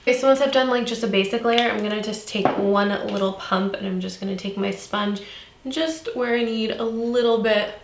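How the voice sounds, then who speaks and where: A woman's voice: fairly high pitch, normal speed, a little hiss or hum. A young woman working as a makeup artist, chatting earnestly and upbeat in a casual beauty tutorial. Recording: echoey room.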